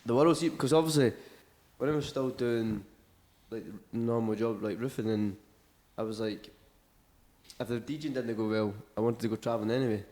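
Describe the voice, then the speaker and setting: A man's voice: medium pitch, moderate pace, pauses often, darkish tone. A man, a DJ guest, chatting casually in rambling, sweary stories. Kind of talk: casual chat. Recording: echoey room.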